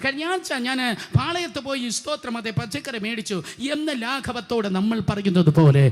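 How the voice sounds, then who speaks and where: Man, preacher, very high voice, repeats phrases, bursts into shouts, church hall. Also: lively intonation, a little fast. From India. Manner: repetitive, rising to shouts, calls to the congregation. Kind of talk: Pentecostal sermon.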